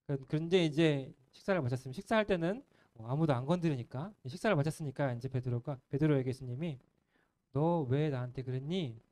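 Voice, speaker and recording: A male pastor preaching a sermon in an earnest, gentle way, letting the ends of his phrases fall soft. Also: on the high side, quick pace, hardly any pauses. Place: church sanctuary.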